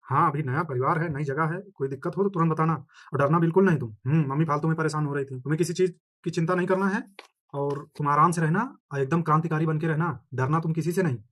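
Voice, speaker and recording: Fast-talking young man, brash phone banter. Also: on the high side, fairly bright tone. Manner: brash boasting that turns sheepish and backpedaling. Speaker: comedian playing a brother on the phone. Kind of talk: comic one-sided phone call.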